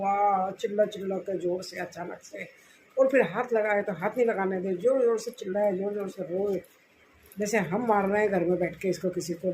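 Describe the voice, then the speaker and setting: Woman, home vlog, chatty storytelling, medium pitch, faint background hiss, phone recording. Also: poor audio. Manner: chatty, homely storytelling, gets loud and high when fussing over the injured child. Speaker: vlogger.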